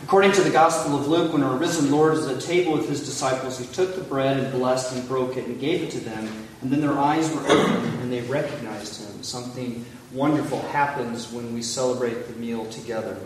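A male pastor leading a communion liturgy with measured, solemn prayer, heard with heavy cathedral-like echo in a large church. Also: medium pitch, steady tone. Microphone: far from the mic. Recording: echoey hall from far off, faint hiss.

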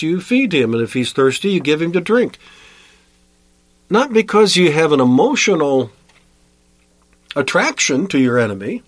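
A man preaching a sermon as a pastor, emphatic, with sharp rises in pitch on key words. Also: no echo.

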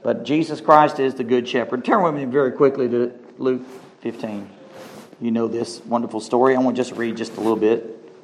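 A man preaching a sermon, animated, rising to high emphatic peaks and stretching key words slowly, with brief laughs between points. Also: a little hiss or hum.

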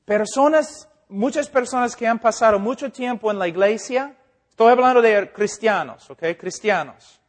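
A man's voice: extremely high pitch, moderate pace. A male preacher. He is an English speaker, so his phrasing halts and corrects itself. He often checks that his listeners understand. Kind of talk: informal teaching sermon.

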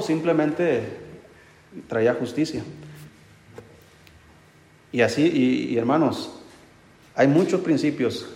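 A man's voice: medium pitch, darkish tone. A man preaching a sermon as pastor, asking the congregation rhetorical questions and answering them himself, with touches of humor. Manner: addresses listeners as brothers, light humor. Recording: echoey hall with long reverb.

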